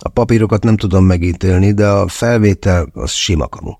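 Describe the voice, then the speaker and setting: A man's voice: deep voice, a little mellow, no room sound, studio quality. A man voicing a coarse, skeptical man who grumbles curtly, in an audiobook. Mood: gruff. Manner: grumbling, curt.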